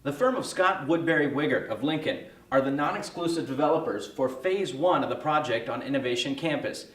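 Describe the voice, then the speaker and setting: A man's voice: medium pitch, animated, fairly quick. A man delivering a scripted report as a news reporter. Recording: noisy, very reverberant room.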